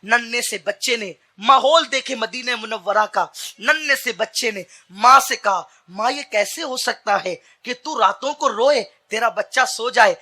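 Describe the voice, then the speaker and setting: A male preacher with a high, piercing voice delivers an impassioned sermon. He builds to shouted climaxes, then drops to a hushed storytelling tone. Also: measured pace.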